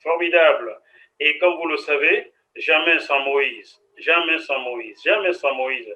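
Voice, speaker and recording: A man hosting a studio interview on a web TV show, lively and playful with his guests. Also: a little high, measured pace, muffled recording, slight background noise. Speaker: TV show host.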